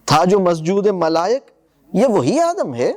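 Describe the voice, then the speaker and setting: A man with a high-pitched voice lectures on poetry. He explains eagerly, then slows down to recite verses with care. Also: very animated, a little mellow.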